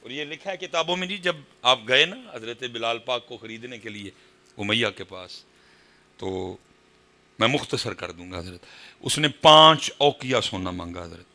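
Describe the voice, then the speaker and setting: A Pakistani man with a Punjabi accent preaching a sermon at a religious gathering, moving from quiet talk to high shouted exhortation. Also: normal speed. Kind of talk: impassioned sermon.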